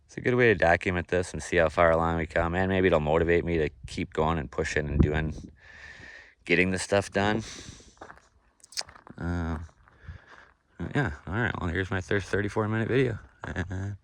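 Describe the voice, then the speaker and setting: Talking casually to camera outside his off-grid cabin, a young man with a low, nasal voice rambles at a moderate pace, leaving long pauses. He's easygoing and uses lots of fillers and restarts, with background noise audible.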